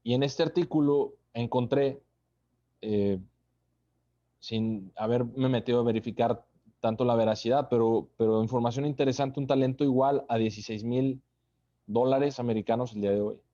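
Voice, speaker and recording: A man delivers a conversational Bible study sermon in an unhurried way, often checking in with listeners through tag questions. His voice is medium-pitched, steady and mellow, and the recording sounds lo-fi.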